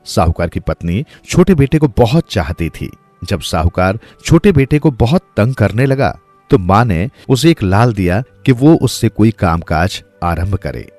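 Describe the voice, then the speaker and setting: Man, storyteller, scripted narration, low pitch, dry close sound. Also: a little mellow, dry recording.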